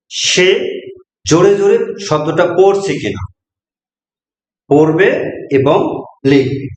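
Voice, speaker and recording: A male teacher giving a slow lesson, sounding out words syllable by syllable and answering his own questions. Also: fairly high pitch. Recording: very echoey room.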